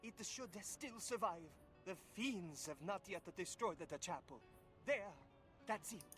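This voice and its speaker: A man's voice: sits high, lively intonation, measured pace, fairly bright tone, faint music behind. An actor playing an earnest, stranded nobleman in a video game, speaking formally. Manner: formal, old-fashioned phrasing.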